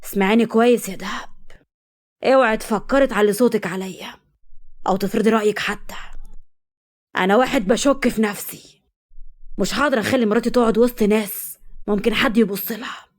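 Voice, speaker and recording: A woman with an Egyptian accent voicing a cold, possessive, jealous young husband in a read-aloud story, speaking low and menacing. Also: brisk, pauses often, close to an everyday voice. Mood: coldly menacing. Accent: Egyptian Arabic. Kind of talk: storybook reading.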